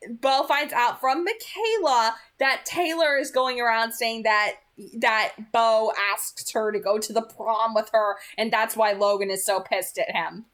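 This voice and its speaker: A woman with a fairly high, fairly bright voice takes her time as she chats casually through book commentary on her read-aloud channel. She rambles and gets emphatic, often repeating phrases to drive a point home.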